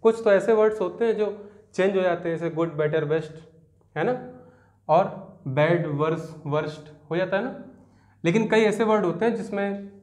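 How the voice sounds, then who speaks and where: Male grammar teacher with a Hindi accent, high-pitched, echoey classroom lecture. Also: moderate pace, a little mellow. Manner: explains step by step, asks rhetorical questions, repeats answers back. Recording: roomy echo.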